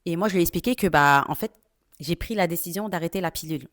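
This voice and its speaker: A woman in her thirties tells personal stories on her podcast in a chatty, confiding way, often pausing to gather her thoughts. Her voice sits a bit low for a woman. The sound is dry and close, with no room around it. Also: dry recording. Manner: chatty and confiding, with frequent hesitations. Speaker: podcast host.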